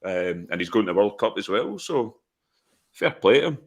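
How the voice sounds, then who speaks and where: A Scottish man co-hosting a football podcast in a laid-back, measured way. His voice is low. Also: sing-song. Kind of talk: casual football chat.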